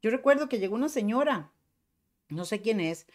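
Mujer costarricense predicando con fervor. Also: female voice, fairly high pitch, lively intonation, moderate pace, a little mellow. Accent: Costa Rican Spanish. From Costa Rica. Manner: fervent, preaching to the congregation. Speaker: pastor. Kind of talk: sermon.

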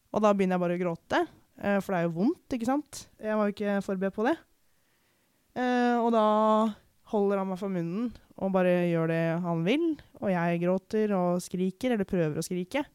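A young woman from Norway giving a candid, reflective personal account in conversation, pausing and restarting often. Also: mid-range voice, darkish tone, clean tone, no echo, studio quality. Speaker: podcast guest.

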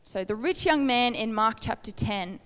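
A woman's voice: on the high side, lively intonation, normal speed, fairly bright tone, smooth, in a large hall. A woman giving an informal, conversational sermon, earnest and questioning toward her listeners. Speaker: preacher. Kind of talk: informal sermon with Bible reading.

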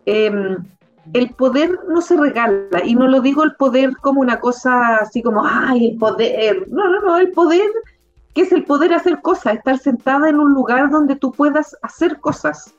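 A middle-aged Chilean woman from the south of the country, a university rector, talking in an interview with an animated, emphatic manner and frequent fillers. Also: high voice, normal speed, lo-fi sound, soft background music. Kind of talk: conversational interview.

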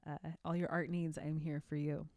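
A woman's voice: deep voice, little pitch movement, moderate pace, darkish tone, no room sound, clean studio sound. A woman artist co-hosting a podcast in casual chat, chatty and giggly, poking fun at herself. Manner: chatty, giggly, self-deprecating.

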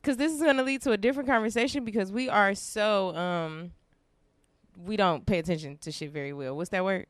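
A woman co-hosting a casual podcast chat, slangy and animated, acting out quotes with big jumps in her voice. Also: mid-range voice, brisk, no echo. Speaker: podcast co-host.

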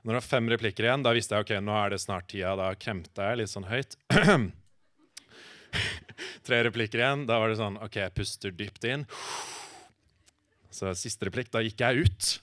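A man telling a humorous personal anecdote in a halting, animated way, full of filler sounds and acted-out quotes. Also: on the low side, dry recording, clean studio sound. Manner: acts out quoted lines in shifting voices.

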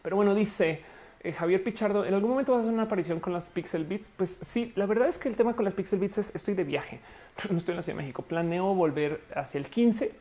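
A woman's voice: medium pitch, fast, mellow. A young Colombian-born woman with a Mexican Spanish accent, chatting casually on a live stream and reading viewer comments aloud.

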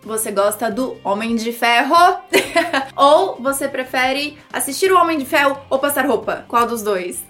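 A woman with a Brazilian Portuguese accent teaching English pronunciation in a lively, chatty way, slowing down to model words for repetition. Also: high voice, soft background music. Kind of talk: pronunciation lesson video.

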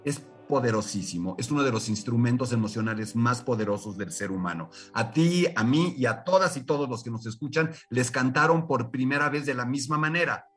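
A Mexican man teaching music as a radio guest, lecturing with lively rhetorical questions and sung examples. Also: medium pitch, brisk, few pauses, recorded from a distance. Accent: Mexican Spanish. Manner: animated, lecturing, sings short examples. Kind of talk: radio interview lesson.

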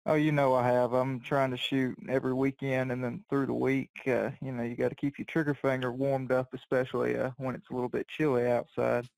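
A man's voice: medium pitch, level tone, a little fast, gravelly, hardly any pauses, a little mellow, no room sound, poor audio. A man speaking as a guest on a podcast, chatting in an easygoing way and saying "y'all". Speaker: podcast guest, competitive shooter. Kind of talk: casual podcast interview.

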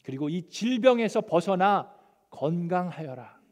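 A man's voice: sits high, expressive, a little mellow, in a large hall. A man voicing a tender divine teacher. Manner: tender, slow and reassuring. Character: gentle, compassionate divine teacher.

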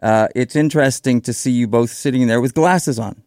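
A man hosting a conversational radio interview in a smooth voice, feeling his way through his phrases. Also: mid-range voice, moderate pace, a little mellow, no room sound, studio quality.

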